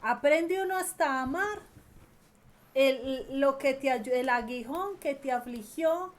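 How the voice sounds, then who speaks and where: High-voiced woman preaching earnestly. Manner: earnest, slows and stresses key phrases, trails off softly at ends. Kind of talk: sermon.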